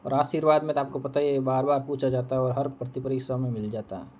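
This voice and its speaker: A man's voice: mid-range voice, flat delivery, quick pace, dark tone. A man teaches Hindi, going through an exam answer key one question at a time. He repeats each correct answer and asks his students questions that he answers himself. A faint background noise runs under his voice.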